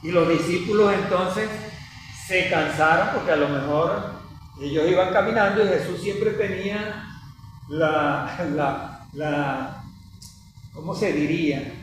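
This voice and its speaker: A man's voice: fairly high pitch, slow pace. A man hosting a conversational Bible study, retelling scripture as a story and checking in with his co-host. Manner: addresses his co-host often. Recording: echoey, distant mic with faint noise.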